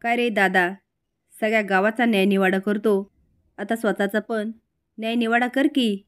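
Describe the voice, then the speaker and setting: A woman's voice: mid-range voice, fairly even intonation, moderate pace, smooth, close to an everyday voice. A woman voicing an angry middle-aged village mother who scolds and accuses her brother. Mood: scolding.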